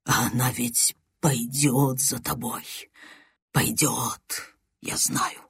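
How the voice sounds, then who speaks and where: A reader voicing a desperate, jealous man with a torn, hoarse, shuffling voice, speaking in a grim half-whisper. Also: medium pitch, a little slow, no room sound, studio quality. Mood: grim accusing. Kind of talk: audiobook character voice.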